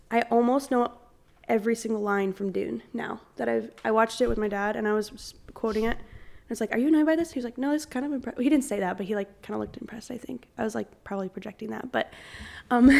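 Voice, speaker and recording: A woman's voice: on the high side, vocal fry, darkish tone. A young woman co-hosting a podcast in casual chat, rambling with lots of fillers and playful acted-out quotes. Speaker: podcast co-host.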